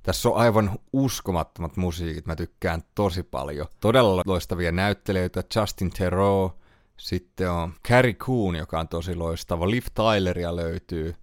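Man, podcast host, very low voice, dead dry close sound, chatty, thinks aloud. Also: no echo. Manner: chatty, thinks aloud, trails off and corrects himself. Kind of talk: casual solo podcast review.

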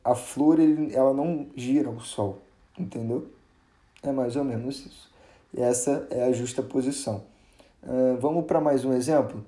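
A man teaching a casual grammar lesson, chatty and relaxed, with many fillers and restarts, drawing out example words for emphasis. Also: medium pitch, moderate pace.

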